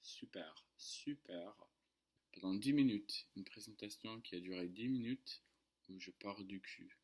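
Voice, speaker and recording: A man with a fairly low voice and an American accent speaks French as a second language. His delivery is casual storytelling, with hesitations and small slips in grammar, as a native English speaker would make. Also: normal speed, a little mellow. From United States. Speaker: French tutor and online video creator.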